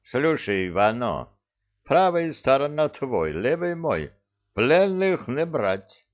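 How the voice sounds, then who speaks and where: A man's voice: medium pitch, very animated, slow pace, lo-fi sound, pitched above the performer's own voice. A man voicing a brash, boastful male gnome warrior. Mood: cocky. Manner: swaggering, cheerful bravado.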